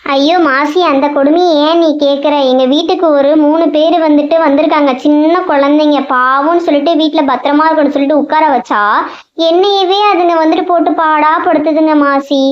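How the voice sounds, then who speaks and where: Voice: high voice, steady tone, fairly quick, close to an everyday voice. Someone voicing a fretful, put-upon male cartoon monster who rants and complains in a whiny way, with a Tamil accent. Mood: worried. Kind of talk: cartoon voice acting. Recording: roomy, dull lo-fi sound.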